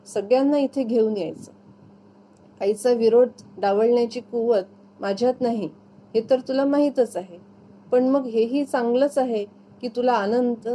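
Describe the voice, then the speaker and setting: A woman reading aloud, voicing a playful, affectionate young husband who teases and gently coaxes his wife. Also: extremely high pitch, a little hiss or hum. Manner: teasing, gently coaxing.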